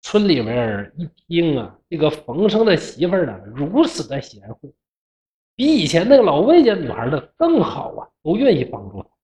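A storyteller with a Northeastern Mandarin accent telling a classical ghost tale in a colloquial, humorous, expressive way. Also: medium pitch, normal speed. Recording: dull lo-fi recording.

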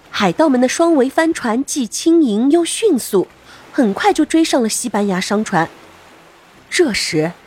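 A woman hosts a scripted children's story, narrating in an expressive, playful way and speaking directly to young listeners. Her voice is fairly high and slightly rough.

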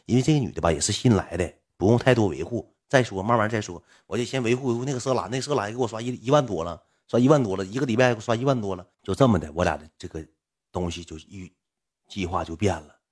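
A man's voice: fairly low pitch, animated, fast, a little mellow, slightly rough. A young man with a Northeastern Chinese accent, a livestreamer telling a story in a rambling, coarse, blunt way. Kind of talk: casual storytelling.

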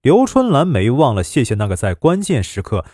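A man narrating a story with an expressive, dramatic delivery. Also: medium pitch, a little fast, dry recording, studio quality.

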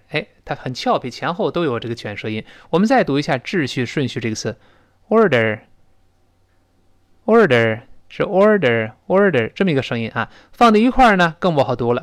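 A man from China teaching English pronunciation in a recorded lesson, explaining and demonstrating sounds slowly and loudly. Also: fairly high pitch, no echo.

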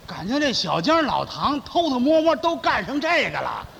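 A male crosstalk comedian, playful and feigning naive curiosity, given to loud exclamations. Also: extremely high pitch, wildly swooping pitch, normal speed, creaky, long reverb tail, highs cut off, a little hiss or hum.

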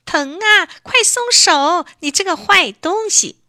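A woman voicing a small boy in a children's story who cries out in pain and complains in a high, loud voice. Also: lively intonation, slow pace, no echo, studio quality, exaggerated voice. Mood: pained, whiny. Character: whiny little boy who pinches others.

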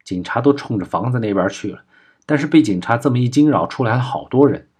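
A man's voice: medium pitch, expressive, quick pace, a little mellow, breathy edge. A man voicing a terse, urgent commander. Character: gruff man helping a friend escape. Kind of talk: audiobook character voice.

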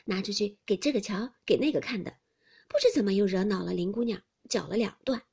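A woman voicing a gentle, tactful young maid who coaxes and explains softly. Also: medium pitch, lively intonation, fairly quick, creaky, slightly rough, exaggerated voice. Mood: coaxing.

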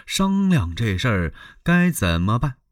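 A man narrating a classic tale in traditional storytelling style, with dramatic, expressive delivery. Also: medium pitch, measured pace, no room sound, studio quality.

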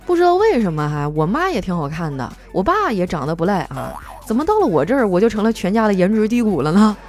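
A woman's voice: medium pitch, very animated, fast talker, darkish tone, faint music behind. A woman hosting a show, reading out listeners' jokes and answering them with playful, teasing, self-mocking banter. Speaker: radio-style host reading listener jokes. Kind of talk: comedic joke reading and banter.

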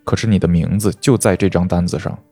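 A man's voice: low voice, quick pace, warm tone, soft background music. A man voicing a brusque adult male military officer in a story reading. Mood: curt.

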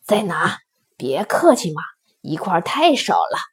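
Woman voicing a deep jovial talking stone lion. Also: very animated, breathy edge, heavily acted. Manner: laughs heartily, speaks slowly and generously. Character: kindly old male stone lion, booming and jovial.

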